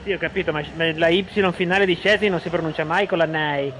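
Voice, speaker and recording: Male co-host, high voice, sarcastic football banter, faint noise behind. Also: fairly even intonation, a bit bright, poor audio. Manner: sarcastic, quick jabs. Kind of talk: casual football chat.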